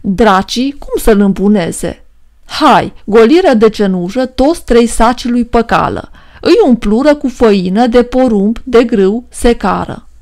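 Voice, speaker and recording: A woman narrating a rhymed folk tale for a filmstrip, reading with a steady verse rhythm. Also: on the high side.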